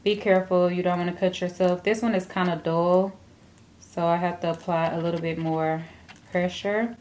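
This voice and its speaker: A woman hair vlogger talking viewers through a wig tutorial in a chatty, relaxed way. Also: fairly low pitch, normal speed. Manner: chatty, relaxed, addresses viewers as dolls and guys. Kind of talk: casual tutorial talk to camera. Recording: roomy echo.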